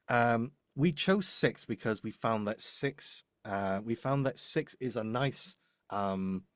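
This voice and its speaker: Speaking off the cuff, a man coaching as a demo producer hammers his advice home, repeating himself and frequently asking "right?" His voice is medium-pitched, captured in a dry, studio-quality recording.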